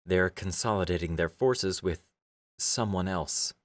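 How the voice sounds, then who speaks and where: A man voicing a sharp, brisk female starship captain in an audiobook story. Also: sits low, no echo, pitched above the performer's own voice. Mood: tense.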